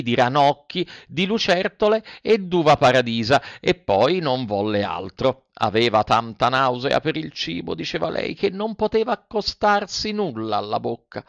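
A man reading a storybook aloud with expressive, theatrical narration. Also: on the high side, gravelly, no room sound, dull audio. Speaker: audiobook narrator.

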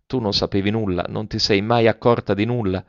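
A man's voice: fairly low pitch, fairly even intonation, fairly quick, dry recording, natural voice. A man reading aloud and voicing a young man who pleads and declares his love fervently, in a dull and slightly muffled recording.

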